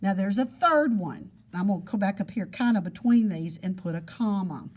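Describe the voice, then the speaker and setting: Husky-voiced woman teaching a class. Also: medium pitch, animated, normal speed, darkish tone. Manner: patient, repeats points with everyday examples. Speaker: geometry teacher. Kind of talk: classroom lesson. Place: classroom with students.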